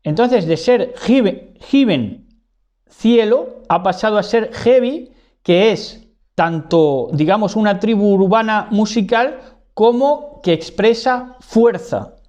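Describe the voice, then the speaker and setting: Slow, deliberate man lecturing. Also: high-pitched, animated, darkish tone. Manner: deliberate, repeats key words, tags lines with "¿verdad?". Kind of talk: didactic monologue on words.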